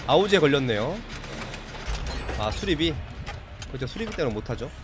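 A chatty man talks with his stream viewers while he plays, answering chat and reacting to the game. His pitch sits a little high and swings widely. A faint noise runs under the recording. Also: very animated, moderate pace. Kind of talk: casual live-stream chat while playing.

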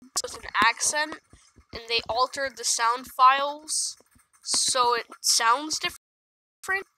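A woman commentating her own gameplay in a high voice with a very bright, cutting edge. She talks slowly and drily, with sarcastic complaints and casual swearing throughout. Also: slight background noise, poor audio. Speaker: gaming video creator.

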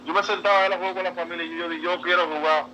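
Bright-voiced earnest man telling his story. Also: high-pitched, level tone, racing, muffled recording, a little hiss or hum. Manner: emotional, repetitive, earnest. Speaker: professional baseball pitcher, interview guest. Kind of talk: casual interview, heartfelt storytelling.

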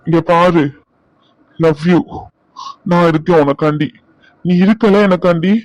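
A man's voice: a little high, fairly even intonation, slow pace, no room sound. A man, pleading and comforting his wife in a couple vlog, repeating himself. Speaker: husband, vlogger. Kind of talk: emotional couple vlog talk. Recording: dull lo-fi recording.

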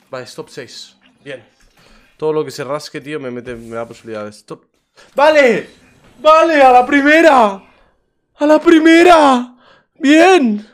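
A young man with a Spain Spanish accent giving live commentary while he streams a game, swearing, grumbling and pleading over and over. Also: lowish voice.

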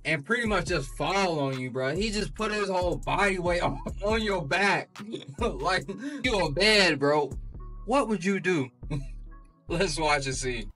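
High-pitched young man reacting in shocked laughter. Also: expressive, a little slow, bright, forceful tone, recorded from a distance, faint music behind. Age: young adult. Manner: incredulous, breaking into shocked laughter; slangy. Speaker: host of prank reaction videos. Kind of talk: casual reaction commentary. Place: small indoor room.

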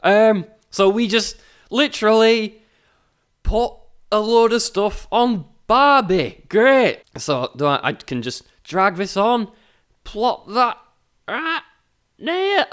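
This YouTube gaming host is a British guy in his twenties whose high, very animated voice comes across fairly bright, clear and resonant, though he takes things slowly. He keeps the let's-play talk laid-back, jokey, sarcastic and sweary while music runs underneath.

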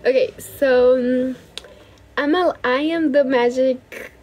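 A woman's voice: high-pitched, fairly even intonation, slow pace, darkish tone. A young woman from Brazil in her late teens, hosting a casual livestream from a bedroom into a phone held at arm's length, chatting with viewers and thanking them often. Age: young adult. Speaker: livestream host.

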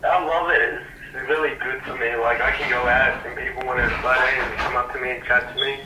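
A man freestyle rapping and chatting on a phone call, in a halting and repetitive way, heard from far off. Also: medium pitch, little pitch movement, heavy background noise. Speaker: prank call target. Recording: distant, echoey phone call.

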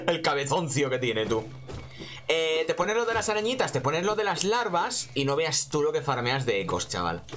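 A man's voice: on the high side, sing-song, normal speed, a bit bright. A man with an accent from Spain giving casual gameplay commentary in a rambling, slangy way with lots of swearing. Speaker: gaming host.

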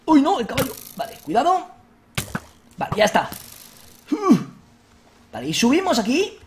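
Excitable Spanish-accented man, animated gaming commentary. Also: very high-pitched, normal speed. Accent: Spain Spanish. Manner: excitable, shouts at enemies and jokes to viewers. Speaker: gaming video host. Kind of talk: let's-play commentary.

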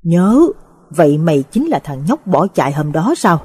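A heartbroken old man, voiced by a woman narrator, speaks with bitter, choked restraint. The voice sits low and carries a husky edge. It is storybook narration for a late-night audio tale. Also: very animated, normal speed, warm tone, dry recording, clean studio sound, heavily acted. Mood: bitter grief. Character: grief-stricken old male exorcist, bitter.

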